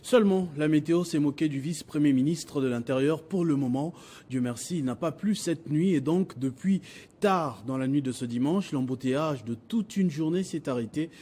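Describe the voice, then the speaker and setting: A male news anchor with a Congolese French accent, reading the lunchtime news in a measured, formal way. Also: fairly high pitch, warm tone, slightly rough. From Democratic Republic of the Congo.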